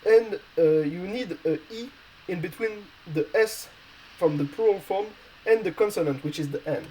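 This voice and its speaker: Guy teaching a spanish grammar lesson, non-native english, lots of uh and um, soft mellow tone. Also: high voice, slight background noise, low-quality recording. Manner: hesitant, many pauses and filler sounds.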